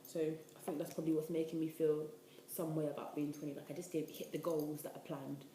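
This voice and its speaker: A woman's voice: low voice, little pitch movement, brisk, dark tone, a little hiss or hum. A twenty-year-old woman, rambling casually to the camera in a vlog, full of "like". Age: 20s. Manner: chatty, rambling, lots of "like". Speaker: vlogger. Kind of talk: casual talking-head vlog. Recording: echoey room.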